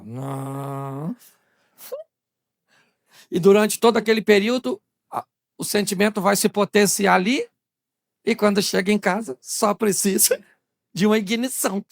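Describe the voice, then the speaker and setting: Gravelly, humorous male pastor preaching. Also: high voice, moderate pace, pauses often, dry recording, studio quality. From Brazil. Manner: humorous, acts out little scenes, talks straight to the congregation. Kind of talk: sermon. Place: church.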